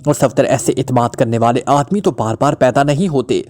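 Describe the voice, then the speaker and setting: A man's voice: medium pitch, moderate pace, darkish tone, lightly acted. A man voicing a flippant, unflappable male detective who teases and mocks in a breezy way. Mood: mock-serious. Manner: breezy, mocking, teasing.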